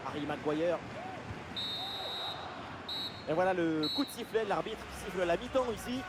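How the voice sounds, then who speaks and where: A man giving excited football commentary as play-by-play, with exclamatory calls. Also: high-pitched, fairly quick. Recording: loud stadium-like background noise.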